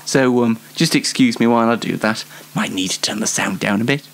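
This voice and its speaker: Creaky and mid-range, this man's voice moves fairly quickly. He hosts a solo show and speaks to the audience in a relaxed, funny monologue, rambling with hesitation and ribbing himself.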